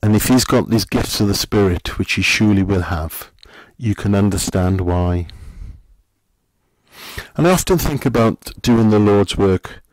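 A middle-aged male pastor with a fairly low voice, preaching in a gentle, questioning, conversational way. He is recorded up close in a dry space with no room echo. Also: expressive, a little slow. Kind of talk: sermon.

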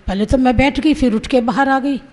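High-voiced woman in her 60s telling a story. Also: a little fast, a little mellow. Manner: earnest and vivid, acting out her own quoted words. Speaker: Sahaja Yoga practitioner giving a testimony. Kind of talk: personal testimony storytelling.

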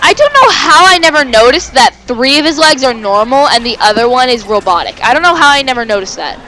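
Brief: high-voiced woman, lively swooping delivery, chatty let's-play commentary, easily excited. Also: a little fast, a little hiss or hum, poor audio. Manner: excitable, rambling, with sudden exclamations. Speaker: video game let's player. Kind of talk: casual gameplay commentary.

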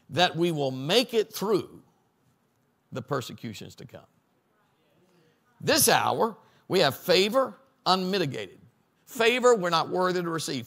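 A man's voice: high-pitched, creaky, pushed and bright. A middle-aged man pastor preaching a sermon at a Bible study on a church stage, building lists to a crescendo and calling for responses from the audience.

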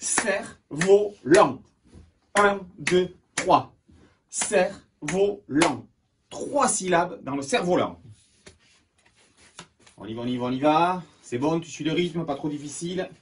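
A man teaching young children in a video lesson, slow and encouraging, clapping out syllables, recorded indoors. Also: a little high. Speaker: schoolteacher. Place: indoors at home. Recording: distant mic with steady background noise.

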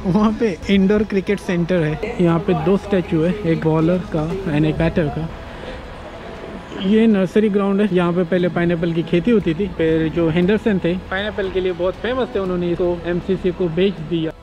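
A man's voice: high-pitched, steady tone, moderate pace. A young man from India talking casually as he walks, explaining the sights to his camera. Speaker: vlogger. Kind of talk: casual walking travel vlog. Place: outdoors on city streets and in a stadium. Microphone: phone camera at arm's length. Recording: background music under the voice.

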